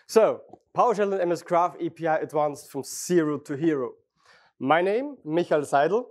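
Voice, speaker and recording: A man's voice: a little high, lively intonation, normal speed. Austrian man giving a conference tech talk. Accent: Austrian German. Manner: friendly, chatty, restarts phrases, asks audience questions. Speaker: conference speaker. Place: large conference hall.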